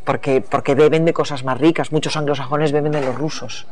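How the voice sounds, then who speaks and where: A woman's voice: low-pitched, steady tone, a little fast, a little mellow. A woman from the United States, a novelist in an interview, talking about her reading and writing in a thoughtful, searching way that often trails off and restarts. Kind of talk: reflective interview talk.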